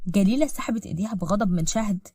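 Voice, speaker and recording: A woman with an Egyptian accent narrating a romantic drama story in a brisk, plain manner. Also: medium pitch, expressive, mellow, slightly rough, no echo, clean studio sound. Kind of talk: scripted narration.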